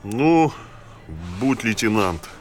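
A man's voice: fairly low pitch, lively intonation, drawn-out words, noisy background. A man playing a cocky, sardonic, teasing police captain in an audio drama.

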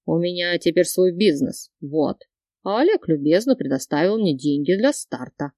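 A woman's voice: low voice, normal speed, darkish tone, no echo, clean studio sound, voice pushed down. A woman voicing a coarse, bullying middle-aged man who barks threats in a storybook reading. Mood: angry. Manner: gruff, barking threats.

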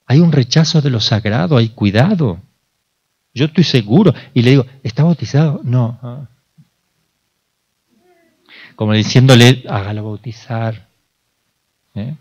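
Un sacerdote de Argentina que da una plática informal, le hace preguntas al público y recrea diálogos. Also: male voice, mid-range voice, animated, measured pace, long pauses, a little mellow, breathy edge, highs cut off. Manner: conversational, asks the audience questions, acts out dialogues. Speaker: priest. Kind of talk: informal sermon talk.

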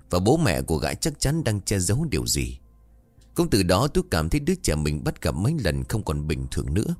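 A man narrating a ghost story, voicing the characters himself with a raised pitch. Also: a little mellow, no echo. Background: faint music.

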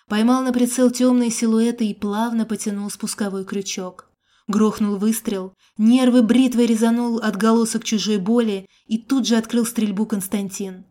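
Mellow-voiced woman audiobook narrator. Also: mid-range voice. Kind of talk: first-person audiobook narration.

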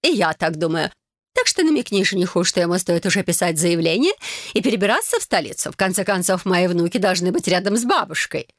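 Speaking fast with lively intonation in a fairly low voice, a woman voices an audiobook character: an overbearing mother planning a wedding. She gushes and chatters on, talking over everyone in her way. The recording is dry and has clean studio sound.

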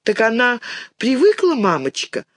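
A woman reader voicing a sensitive, tender girl who speaks softly and plaintively. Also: fairly high pitch, huge pitch swings, unhurried, no echo, studio quality, voice pushed up, exaggerated voice. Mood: defensive.

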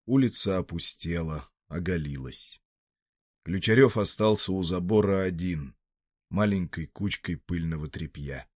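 A man reading a story aloud in a measured, even storytelling manner. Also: deep voice, no echo, clean studio sound. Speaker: narrator. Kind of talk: scripted narration of a story.

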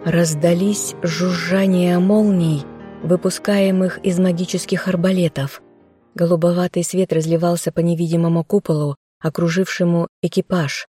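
A woman's voice: fairly low pitch, flat delivery, moderate pace, warm tone, breathy edge, dry recording, faint music behind. A woman narrating a fantasy novel in the first person, reading an audiobook.

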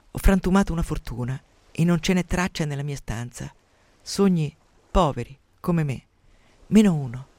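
Self-absorbed young patient, read by a man, talkative, guilt-ridden, high-ish, dry. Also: darkish tone, no echo, lightly acted. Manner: chattering, self-pitying. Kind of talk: radio story reading.

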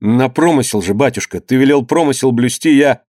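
A man's voice: fairly quick, a little mellow, no room sound, studio quality, natural voice. A man reading an audiobook, voicing a timid young son who pleads and makes excuses to his father. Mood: pleading. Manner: higher, pleading, deferential tone.

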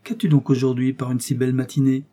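A rich old king turned fond father, soothing and slow, his voice dark and a little husky, as the narrator plays him. He coaxes more than commands. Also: medium pitch, little pitch movement, close to an everyday voice. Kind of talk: storybook reading.

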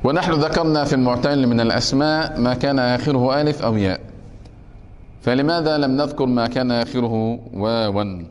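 A man's voice: mid-range voice, a little fast, in a large hall, muffled recording, a little hiss or hum. A man teaching a class on grammar. He takes questions and keeps checking whether his students have understood. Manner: keeps asking the class if it is clear.

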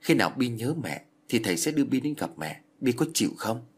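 A man voicing a gentle Buddhist master who coaxes a ghost child with slow, soothing persuasion. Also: medium pitch, very animated. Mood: coaxing.

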